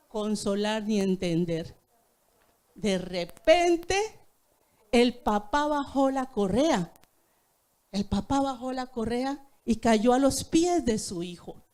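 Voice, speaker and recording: A woman's voice: fairly high pitch, dark tone. A woman preaching a sermon in a church, telling a story and speaking directly to the congregation.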